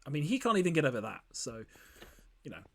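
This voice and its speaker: A man's voice: a little high, huge pitch swings, fast talker, gravelly, slight background noise. A man giving casual, rambling commentary while he builds in a game, with lots of ums and asides. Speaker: let's play host.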